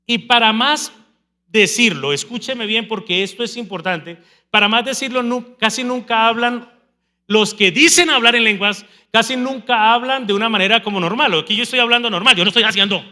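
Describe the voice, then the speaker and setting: A male pastor with a high, bright voice preaches a sermon. He leads the congregation in call-and-response and mimics people with lively energy. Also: normal speed. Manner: animated, mimics people speaking in tongues.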